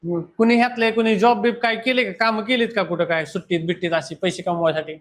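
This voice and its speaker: This high-voiced man speaks quickly as he lectures his class, scolding and blunt, addressing the students directly. It's part classroom lecture, part pep talk.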